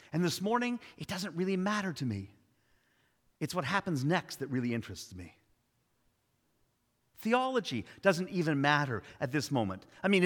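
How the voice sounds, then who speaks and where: A man's voice: fairly high pitch, fairly bright tone, in a large hall. A man preaching a sermon in a conversational way, with wry asides and emphatic repetition. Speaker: pastor.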